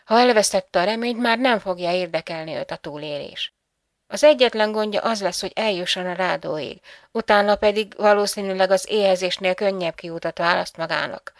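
A woman reading the part of a composed female psychologist speaking gravely in an audiobook. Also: mid-range voice, no room sound, clean studio sound, natural voice.

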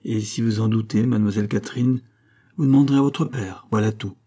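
A man's voice: on the low side, fairly even intonation, a little fast, warm tone, natural voice. A man reading an audiobook voices a proud young peasant who declaims his exploits with emphatic pride. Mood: boastful.

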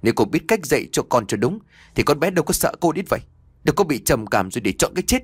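A man's voice: medium pitch, very animated, slightly rough, dry recording, voice pushed up. A man voicing a stern, angry father who scolds his wife in an audio story. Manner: scolding, fast.

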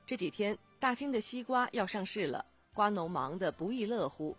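A woman presenting local radio news in a scripted, lively newsreader delivery. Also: mid-range voice, normal speed, husky, soft background music.

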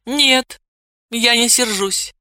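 A middle-aged woman who answers in short, dry, sarcastic lines, as a woman narrator voices her. The voice is bright and close with a dry, deadened sound. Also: fairly high pitch, drawn-out words, no room sound, pitched above the performer's own voice, full character voice. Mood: sardonic. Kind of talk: audiobook character voice.

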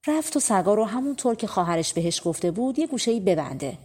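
A woman's voice: mid-range voice, sing-song, dark tone, husky. Woman telling a folk tale. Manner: conversational, spoken-style telling. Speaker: audiobook reader. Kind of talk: colloquial storybook narration.

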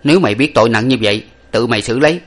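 A man's voice: medium pitch, very fast, close to an everyday voice. A man voicing a stern young male master who scolds his servant. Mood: scolding.

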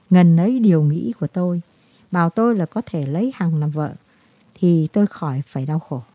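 A woman's voice: lowish voice, husky, dry recording, lo-fi sound. Woman reading as guilt-ridden despairing man. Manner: brooding, halting confessional.

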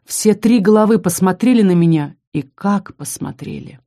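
A woman reading a first-person fantasy audiobook in a lively, expressive storytelling manner. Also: medium pitch, normal speed. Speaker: audiobook narrator.

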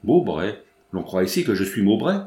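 A man voicing a polite, puzzled gentleman who answers with formal courtesy, recorded in a roomy space. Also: fairly low pitch, sing-song, moderate pace. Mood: courteous.

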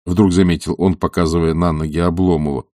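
A man narrating a classic novel as an audiobook, with a measured, expressive reading. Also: low-pitched, dry recording, clean studio sound.

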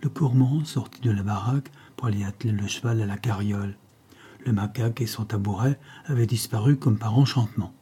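A man's voice: lowish voice, fairly quick, husky. A man narrating a novel as an audiobook, telling it steadily and voicing the characters. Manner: steady storytelling with voiced characters.

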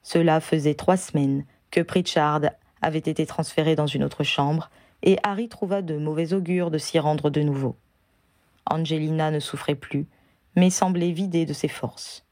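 A woman reading a fan novel aloud in a measured, even narration. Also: low voice, no echo, studio quality. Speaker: audiobook reader. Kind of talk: storybook narration.

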